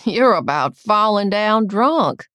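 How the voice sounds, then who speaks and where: A woman's voice: medium pitch, big pitch swings, slow pace, fairly bright tone, no room sound, studio quality. A woman reading the part of a tough, protective middle-aged aunt with a blunt, drawling manner. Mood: teasing.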